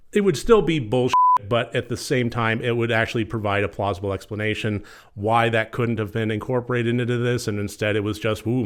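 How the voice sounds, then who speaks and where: A man with a clear, smooth voice at a middling pitch talks through a film critique. His delivery is casual and conversational, running on in measured, rambling sentences like an informal reviewer.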